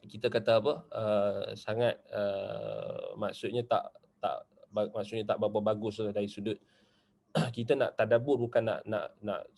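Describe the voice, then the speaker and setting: With a fairly low, darkish voice touched by vocal fry, a man with a Malaysian Malay accent teaches religion in an Islamic study centre classroom. His delivery is relaxed and conversational, peppered with quick asides and agreement checks.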